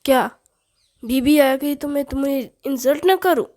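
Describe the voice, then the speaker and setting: A woman's voice: high voice, moderate pace, a little mellow, lightly acted. A woman doing a bossy scolding mother-in-law. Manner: scolding, teasing, commanding.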